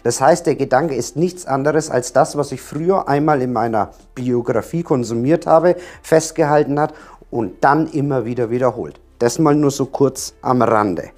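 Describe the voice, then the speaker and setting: A man's voice: medium pitch, moderate pace, darkish tone. A man giving a direct-to-camera coaching talk on anxiety, emphatic, repeating key words and firing rhetorical questions at the viewer.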